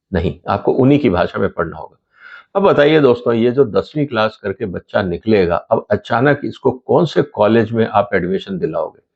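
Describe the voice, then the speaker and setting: A man's voice: medium pitch, vocal fry. Middle-aged male commentator, questioning and rhetorical, mid-range voice, dull lo-fi recording. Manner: rhetorical, questioning, addresses viewers as friends. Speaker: channel host, commentator. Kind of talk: explanatory commentary to camera.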